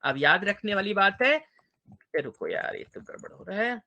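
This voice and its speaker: A man's voice: high voice, big pitch swings, moderate pace, gravelly, pushed and bright. A man giving a university English lecture, mixing two languages, who keeps checking that students understand. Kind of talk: bilingual classroom lecture.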